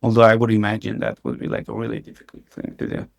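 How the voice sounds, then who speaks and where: In a casual podcast interview, a CEO talks fast with vocal fry, his fairly low voice swinging widely in pitch. He fills his speech with "like" and restarts often.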